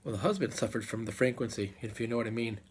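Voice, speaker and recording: A man telling a folk tale aloud as a live storyteller, unhurried, with dramatic pauses and repeated phrases. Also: on the low side, a little hiss or hum.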